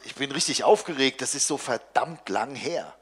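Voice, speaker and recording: A man in his forties giving a comic live reading of his own novel, narrating in a dry, deadpan first person. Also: mid-range voice, moderate pace, husky. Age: 40s.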